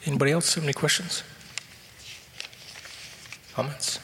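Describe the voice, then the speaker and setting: Man fielding questions at a hall meeting, monotone, lots of restarts, reverberant room. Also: on the high side, slight background noise. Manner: halting, many restarts and fillers. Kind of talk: unscripted answer at a public meeting.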